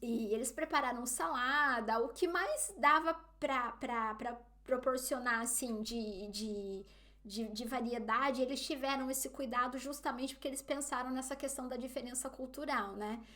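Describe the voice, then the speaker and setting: Chatty Brazilian woman with a higher voice. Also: moderate pace, sharp tone. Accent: Brazilian Portuguese. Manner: chatty, often addresses listeners as "gente". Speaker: vlogger. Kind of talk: casual storytelling to camera.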